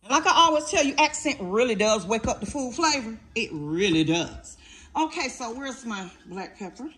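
A woman's voice: a little high, lively intonation, normal speed, a bit bright. A middle-aged woman hosting a casual cooking demonstration in her home kitchen, chatty and emphatic, often checking in with her viewers.

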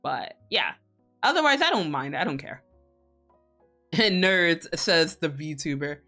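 A woman's voice: low voice, big pitch swings, takes it slowly, pushed and bright. A woman hosting a casual livestream as a VTuber, chatting with viewers in a playful, giggly, mock-scolding and casually sweary way. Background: music.

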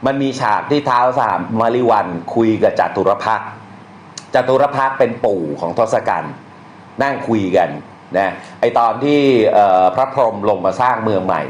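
A man's voice: lowish voice, normal speed. A man teaching poetry in a casual, blunt way, using slang and reciting verses aloud. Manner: blunt and colloquial, with slang and crude words. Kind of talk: casual lecture on Thai poetry. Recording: echoey room, faint noise.

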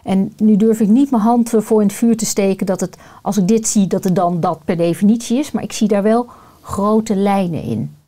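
Mellow-voiced woman coach, thoughtful and searching. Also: mid-range voice, moderate pace. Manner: thoughtful, searching for words with many fillers. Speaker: guest, coach and family constellation facilitator. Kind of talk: reflective podcast conversation.

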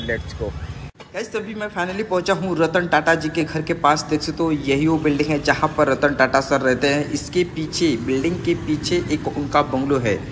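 A man's voice: medium pitch, in a large hall, noisy background. A young man filming himself outdoors by the sea, talking casually with many filler phrases and some English words mixed in. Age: young adult. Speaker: vlogger. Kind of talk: casual travel vlog. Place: outdoors by the sea, seaside garden. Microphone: phone at arm's length.

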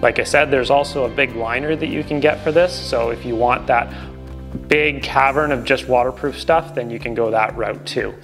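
A man in his forties standing indoors at a table, giving a relaxed product review to the camera with frequent ums and uhs. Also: mid-range voice, moderate pace, soft background music. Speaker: gear reviewer.

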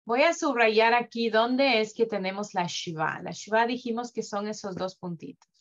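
A woman teaching Hebrew reading in a live class, slowly drawing out sounds to demonstrate them with patience. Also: on the high side. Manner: patient, drawn-out demonstrative pronunciation. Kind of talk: slow online reading lesson. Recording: dull lo-fi audio.

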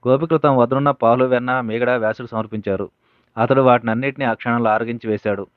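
A man reads devotional teachings and tales aloud at an even, steady pace, pausing now and then to correct himself. The audio is thin and narrow like a phone line, with a close, dry sound and no room echo. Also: medium pitch, smooth. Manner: steady reading with occasional self-corrections. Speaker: reader of spiritual teachings. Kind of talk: reading a devotional book aloud.

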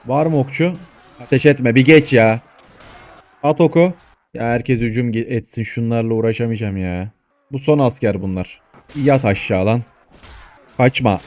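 A man giving casual gameplay commentary, excitable, swearing at his soldiers and barking orders. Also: medium pitch. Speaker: gaming YouTuber.

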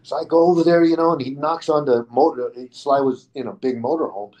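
A man being interviewed on a podcast, telling a lively anecdote in casual speech, often restarting his phrases. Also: medium pitch, brisk, lo-fi sound. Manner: animated anecdote teller with frequent restarts, acting out quoted people. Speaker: guest.

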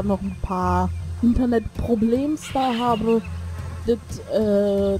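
A woman with a mid-range voice gives relaxed let's play commentary on an online game, though she sounds slightly sick and winded. She drifts from topic to topic, corrects herself and jokes. Her desk microphone in a new recording room captures her over loud game music.

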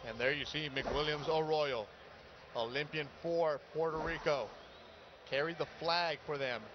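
Highish male boxing commentator, noisy arena. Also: fairly even intonation, a little slow. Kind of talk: live sports broadcast commentary. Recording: dull broadcast audio, arena noise behind.

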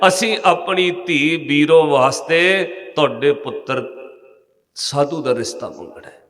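A preacher voicing a gentle revered master. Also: male voice, a little high, lively intonation, measured pace. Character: revered gentle kindly spiritual master, man. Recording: echoey hall reverb.

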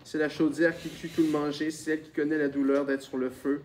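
A man's voice: on the high side, little pitch movement, fairly quick, a little mellow, lightly acted. A man reading the part of a bitter, wry peasant who speaks in proverbs, on a noisy recording with clicks. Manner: bitter, sententious.

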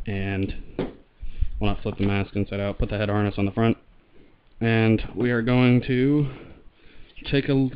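A man's voice: on the low side, highs cut off, slight background noise. A man giving a casual, hands-on product demonstration as a reviewer. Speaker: gas mask reviewer.

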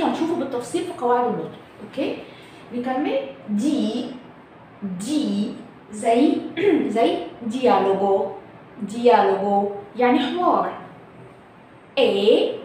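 A woman's voice: on the high side, darkish tone, recorded from a distance, slight background noise. A woman with an Egyptian Arabic accent teaching the Italian alphabet, saying each letter and word twice and checking in with "okay?". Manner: patient, repeats words slowly and checks in with "okay?". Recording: echoey room, off-mic, faint ambience.

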